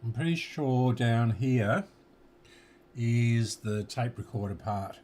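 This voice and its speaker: A slow, unhurried Australian man, mid-pitched, muttering his way through an electronics repair at home. He talks half to himself as he works. A faint background hiss sits under his voice. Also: a little mellow. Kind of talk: casual workshop commentary.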